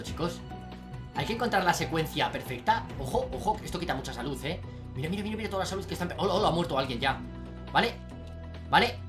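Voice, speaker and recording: A high-pitched young man with an accent from Spain records let's-play commentary as a gaming YouTuber. He gets excitable and often bursts into shouted exclamations.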